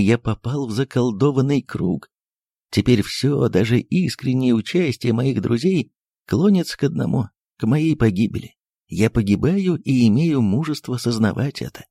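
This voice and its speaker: A man's voice: mid-range voice, expressive, normal speed, creaky, husky, no room sound, clean studio sound. Man doing a furious, worn-out old doctor. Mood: weary resigned. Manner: shouting shrilly in fits, then tired and resigned. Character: agitated aging male doctor, weary, bitter.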